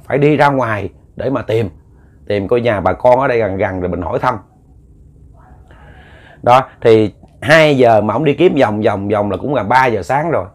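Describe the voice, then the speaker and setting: Male storyteller, Southern Vietnamese accent, mid-pitched, folksy and rambling, trips over repeated words. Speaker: ghost story narrator. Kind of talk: spoken ghost story narration.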